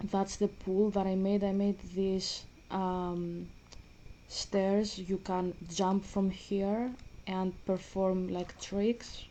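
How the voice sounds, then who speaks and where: A woman's voice: medium pitch, warm tone, slight background noise. A woman with a Greek accent chatting casually as she plays a game, rambling and restarting her sentences. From Greece. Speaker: vlogger. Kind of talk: casual gaming commentary.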